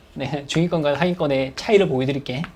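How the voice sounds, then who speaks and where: A man's voice: a little high, moderate pace, a little hiss or hum. A man lecturing as an exam prep instructor, keeps checking in with his listeners. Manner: animated, checks in with listeners, acts out students' thoughts.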